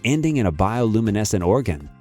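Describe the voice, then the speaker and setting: Low-pitched man narrating a nature documentary over music. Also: very animated, quick pace, darkish tone.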